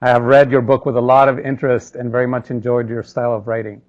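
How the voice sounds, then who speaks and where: A man from El Salvador moderating a formal interview, polite and measured with hesitant fillers. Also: medium pitch, flat delivery, darkish tone, muffled recording.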